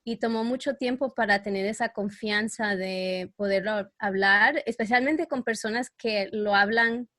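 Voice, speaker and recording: A middle-aged woman from El Salvador, raised in New York, talks as a guest in a relaxed podcast interview. She pauses often, fills gaps with small sounds, and now and then searches for a word. Her voice sits at an average pitch and is recorded dry, with no room sound. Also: dry recording. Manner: hesitant, frequent fillers, searches for words. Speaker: guest expert.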